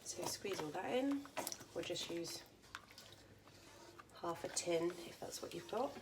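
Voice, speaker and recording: A chatty woman talks her viewers through a recipe in her home kitchen, her voice a little low. She sounds set back from the camera, and loud sizzling and frying fill the space around her. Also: animated, measured pace. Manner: chatty, self-deprecating, talks to camera while cooking. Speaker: home cook vlogger. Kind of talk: casual cooking demonstration. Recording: distant camera mic, loud kitchen noise. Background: frying, sizzling and stirring noises.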